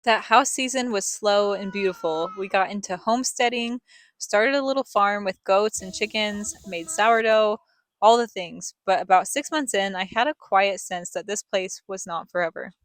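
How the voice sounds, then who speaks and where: A woman's voice: mid-range voice, normal speed. A young woman reading a scripted vlog voice-over in a reflective, earnest storytelling manner. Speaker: family vlogger, co-host.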